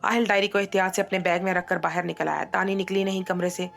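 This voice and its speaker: A woman narrating a romance novel in a steady storytelling voice. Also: medium pitch, fast, gravelly, soft background music.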